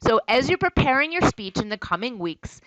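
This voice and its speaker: A woman's voice: fairly high pitch, sing-song, brisk, a bit bright, no room sound, rough recording. A woman college instructor giving a recorded lecture in a conversational, explanatory way.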